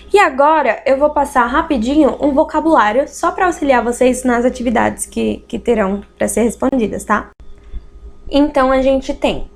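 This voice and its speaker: A woman from Brazil teaching an online English lesson, slowly repeating each English word with care. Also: high voice. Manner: slow, careful repetition of English words.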